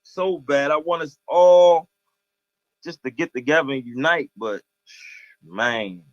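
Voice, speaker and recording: Talking slowly in a slightly high, expressive voice, an American man in his thirties shares anecdotes in earnest, slangy casual chat. He's on a video call indoors, with no room sound and dull, lo-fi audio.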